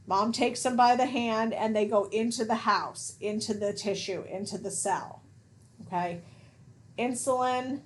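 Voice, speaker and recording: A woman nursing instructor giving a recorded lecture in a casual teaching manner, often checking in with "okay?". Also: medium pitch.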